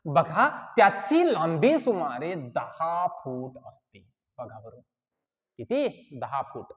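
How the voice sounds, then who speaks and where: A woman teaches children from a reading passage and explains each point slowly. She keeps asking her pupils questions and then answers them herself, and her voice rises and falls a great deal. A long hall reverb trails behind her words. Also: sits low, big pitch swings. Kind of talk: exam-prep lesson for children.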